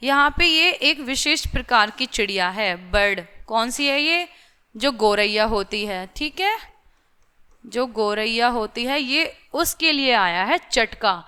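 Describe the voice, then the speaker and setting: A woman's voice: on the high side, expressive, slow, pushed and bright, smooth. A woman teacher going through a vocabulary list for young children, saying each word several times, asking "theek hai" again and again and mixing in English words.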